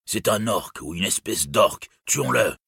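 A bloodthirsty outlaw, harsh and scornful, spitting threats, as a man puts him on. The voice is husky and dry, in a storybook reading. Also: fairly low pitch, lively intonation, moderate pace, fairly bright tone, dry recording, heavily acted. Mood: menacing. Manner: harsh, menacing. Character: wounded, bloodthirsty male outlaw, hostile and mocking.

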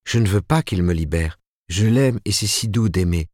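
A man's voice: deep voice, expressive, normal speed, a little mellow, no echo, studio quality, pitched above the performer's own voice. A man reading the part of an earnest, lovestruck young woman in an audiobook, tremulous and pleading.

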